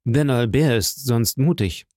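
A man's voice: mid-range voice, expressive, a little slow, darkish tone, no room sound, clean studio sound. A man voicing an earnest, heartfelt young army captain.

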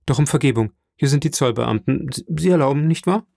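A man reading the part of a young, dutiful ship's first mate in an audiobook, brisk and polite. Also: medium pitch, animated, vocal fry, darkish tone, dry recording, studio quality, voice pushed up.

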